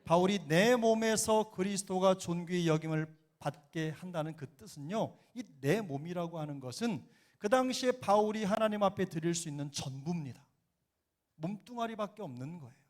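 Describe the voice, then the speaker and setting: Preaching in a church sanctuary, this middle-aged senior pastor has a high voice with lively intonation and normal speed. A slight Jeolla accent colors his earnest sermon as it rises into emphatic exhortation.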